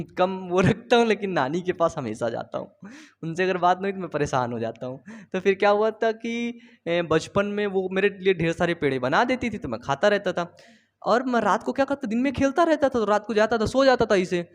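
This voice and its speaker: A young man teaching biology in a loose, chatty way, drifting into personal stories and checking in with tag questions. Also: sits high. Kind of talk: informal Hindi class lecture. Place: home studio.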